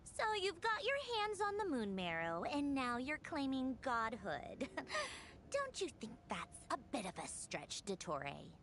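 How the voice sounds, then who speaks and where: A woman's voice: high voice, huge pitch swings, takes it slowly, a bit bright, a little hiss or hum, full character voice. An actress playing a brash, sarcastic female researcher in a video game, blunt and taunting. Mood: scornful, amused.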